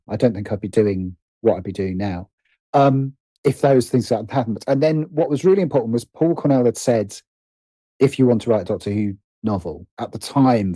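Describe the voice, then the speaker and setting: A British man with a medium-pitched, dark, slightly rough voice tells personal stories as an interview guest. He speaks conversationally but hesitantly, often breaking off mid-thought as he thinks aloud, and the recording has no echo.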